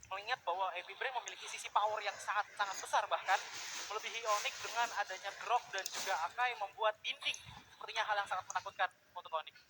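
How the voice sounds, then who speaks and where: A man's voice: high voice, fairly even intonation, fast. A man with an Indonesian accent giving wordy analytical esports commentary sprinkled with English gaming terms. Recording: noisy live event ambience.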